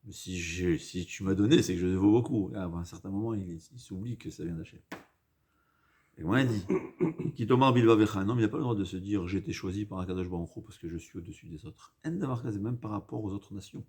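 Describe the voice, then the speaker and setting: A man with a foreign accent in French, not his native language, giving an informal Torah lesson, haltingly repeating and rephrasing and mixing in Hebrew quotations. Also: low-pitched, darkish tone. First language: not a native French speaker. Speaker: rabbi giving a religious lesson.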